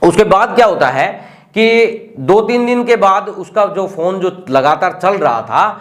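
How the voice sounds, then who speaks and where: A man's voice: high voice, lively intonation, a little slow. A man hosting a video channel, talking casually and straight to his viewers as he explains how a scam works. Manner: chatty, speaks straight to viewers. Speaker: YouTube channel host warning about scams.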